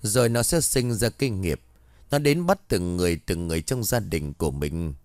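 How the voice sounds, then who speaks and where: A man voicing a calm, kindly male Buddhist monk who explains things slowly and solemnly, in a lively reading of a ghost story. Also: deep voice, no room sound, pitched below the performer's own voice.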